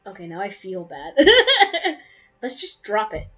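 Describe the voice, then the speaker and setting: A woman's voice: medium pitch, a little fast. A young woman giving casual, rambling commentary while playing a game. She laughs often, chats between bites of food and trails off mid-thought. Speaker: gaming YouTuber. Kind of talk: casual let's play commentary.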